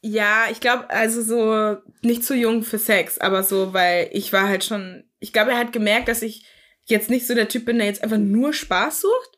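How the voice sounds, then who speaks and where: A woman's voice: on the high side, fairly even intonation, normal speed, fairly bright tone. A young woman in casual chat, telling a personal story in a chatty way, mixing in English words and acting out what people said.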